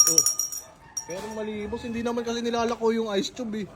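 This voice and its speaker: An exasperated man with a very high voice plays a customer in a comedy skit. He keeps accusing the vendor and swears casually. Loud noise runs under the recording. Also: quick pace.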